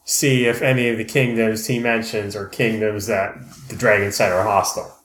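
A man's voice: fairly low pitch, level tone, normal speed, a bit bright. Questioning male gamer in echoey room. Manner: questioning, speculating. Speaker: tabletop game player. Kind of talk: casual game discussion. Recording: roomy echo, clear background noise.

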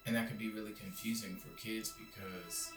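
A woman's voice: a bass voice, fairly even intonation, moderate pace. A woman hosting an interview, mostly giving short agreeing replies and the occasional question. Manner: affirming, brief responses. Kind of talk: conversational interview. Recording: distant echoey mic with music.

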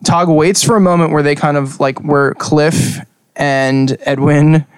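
A man's voice: fairly high pitch, fairly even intonation, measured pace, clear, resonant tone, no room sound. A man playing a tabletop game, describing his character's actions in a laid-back, rambling way with lots of "like" and "kinda". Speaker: player. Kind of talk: casual tabletop play.

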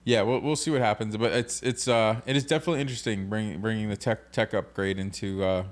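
A man with a fairly low voice co-hosts a casual podcast. He explains game card rules steadily and methodically. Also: fast. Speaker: podcast co-host. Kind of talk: casual podcast chat, reading game cards aloud.

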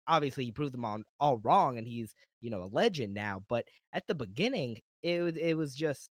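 A man's voice: medium pitch, no echo, clean studio sound. A man hosting a podcast, asking questions in an easy conversational way. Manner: conversational, asks follow-up questions. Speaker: podcast host. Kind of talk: casual interview chat.

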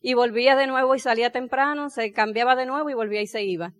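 A middle-aged woman, telling her life story in a lively way and acting out the dialogue. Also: on the high side, fast. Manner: animated, acts out dialogue, laughs while telling. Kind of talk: personal storytelling talk.

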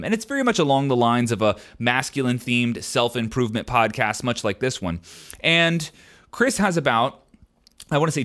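Through a podcast microphone comes a young adult man's mid-range, slightly bright voice as he hosts his show. He takes listener questions in a candid, rambling way, with many ums and restarts.

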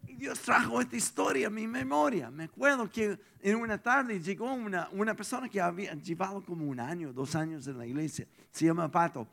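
Pastor, man, tired and hoarse, gravelly voice, animated sermon with shouts and hushed asides. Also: high voice, a little fast, few pauses. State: tired, strained throat. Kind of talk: lively storytelling sermon.

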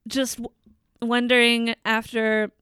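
Chatty woman with a clear voice. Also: a little high, flat delivery, slow, fairly bright tone, no echo, clean studio sound. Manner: chatty, uses fillers like "like" and "you know". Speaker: podcast co-host, singer. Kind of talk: casual conversation.

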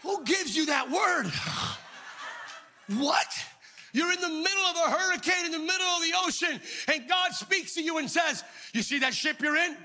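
A male pastor preaching a sermon, shouting in a sing-song call-and-response style. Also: extremely high pitch, moderate pace.

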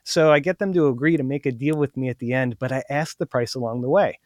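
A man's voice: medium pitch, quick pace, darkish tone, no room sound, studio quality. A man guest on a podcast chatting casually, cheerfully acting out both sides of haggling. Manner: upbeat, acts out cheerful haggling lines. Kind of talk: casual chat.

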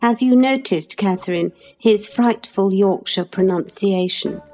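A woman's voice: medium pitch, a little slow, a little mellow, soft background music, voice pushed up, lightly acted, low-quality recording. A woman voicing a spiteful teenage boy who talks in a prim, sneering, taunting way. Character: sickly spiteful teenage boy, pert and mocking.

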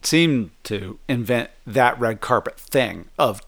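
A man's voice: mid-range voice, animated, slow, a bit bright. Hesitant, skeptical man co-host. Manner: hesitant, restarts often, skeptical. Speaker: podcast co-host. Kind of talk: casual comedic couple chat.

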